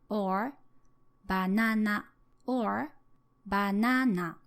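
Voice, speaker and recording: A woman gives a patient, step-by-step language lesson, pausing to sound out example words. Her voice sits a little high, with a gravelly edge of fry at the ends of phrases. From Japan. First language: Japanese. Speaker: language teacher.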